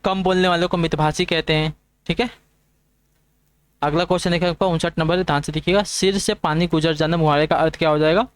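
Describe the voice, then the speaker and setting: A young man runs an online exam prep class at a brisk clip. His voice sits a little high and comes through smooth and crisp, and he keeps checking in with his students as he works through each question. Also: steady tone, dry recording. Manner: fast, repetitive checking-in with students.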